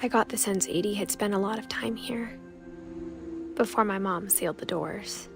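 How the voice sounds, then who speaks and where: Over music, a young woman narrates a scripted game as a reflective teenage girl, recalling her family in an understated, wistful manner. Her creaky, medium-pitched voice moves at a moderate pace and sounds close to how she normally talks.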